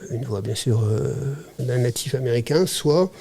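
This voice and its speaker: Mellow, hesitant man. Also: medium pitch, expressive, creaky, husky. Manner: hesitant, halting, many fillers. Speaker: podcast guest, teacher-researcher. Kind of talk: casual conversational interview.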